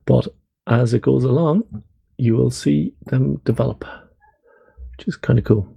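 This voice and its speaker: Gravelly-voiced man co-hosting a podcast. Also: medium pitch, unhurried, mellow, a little hiss or hum. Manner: laughs often, chatty and jokey. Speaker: podcast co-host. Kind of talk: casual podcast chat.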